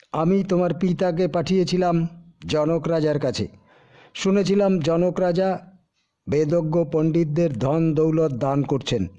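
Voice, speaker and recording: A man voicing a grieving mother gently confessing to her son, in a dull lo-fi recording. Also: a little high, natural voice. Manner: sorrowful, gentle.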